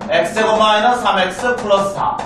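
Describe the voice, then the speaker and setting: A man's voice: high-pitched, steady tone, background noise. A male math teacher lecturing a class, constantly checking with students whether they follow. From South Korea. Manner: asks students frequent check questions, brisk and chatty. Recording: roomy classroom, mic far off.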